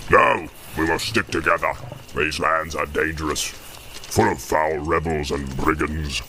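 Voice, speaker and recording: A man voicing a brutal, commanding orc captain in a deep, menacing growl for a fantasy audiobook. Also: fairly even intonation, a little slow, sharp tone, exaggerated voice. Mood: gruff. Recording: noisy home-made audiobook with ambience.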